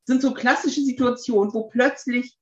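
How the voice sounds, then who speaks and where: A woman chatting casually, telling lively anecdotes with many fillers and asides. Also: fairly high pitch, moderate pace, reverberant, dull audio. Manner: chatty, animated storytelling, frequent fillers. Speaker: podcast guest, dog owner. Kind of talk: casual conversation.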